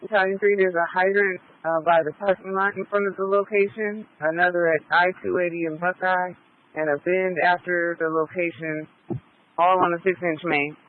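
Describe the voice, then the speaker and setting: A man working as a fire dispatcher, speaking in brisk, clipped codes over a two-way radio transmission. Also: high voice, steady tone. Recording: tinny narrow-band radio line.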